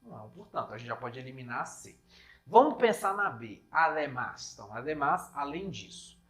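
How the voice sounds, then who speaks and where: A man's voice: medium pitch, very animated, a little fast, a bit bright. A man with a Brazilian Portuguese accent, a Spanish teacher giving an exam-prep lecture who explains patiently and keeps checking in with his students. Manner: explains patiently, checks in with "tá?" after each point.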